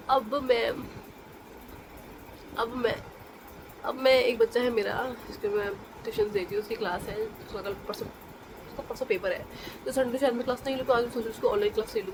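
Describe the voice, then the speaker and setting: A young woman with a blocked nose from being sick rambles casually into her phone at home. Her voice sits fairly high, and a faint background hiss comes through. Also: animated, brisk. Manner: chatty, scolds loudly at times. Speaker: vlogger. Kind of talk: casual vlog chat. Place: at home, indoors.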